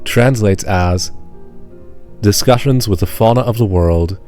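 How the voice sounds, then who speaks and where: A man narrating as game master of a tabletop game, deadpan and slowing down to stress odd details. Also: lowish voice, soft background music.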